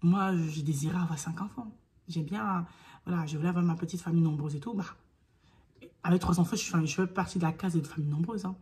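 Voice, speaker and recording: A young woman vlogger tells a personal story casually to camera, talking fast in a fairly low pitch. She acts out her own pleas and at times drops into a hushed near-whisper.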